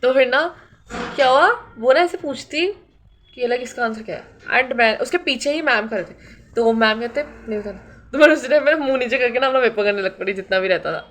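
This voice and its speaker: Young woman vlogger, high bright voice, lively casual storytelling. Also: fairly quick, slight background noise. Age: young adult. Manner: animated, mixes Hindi and English.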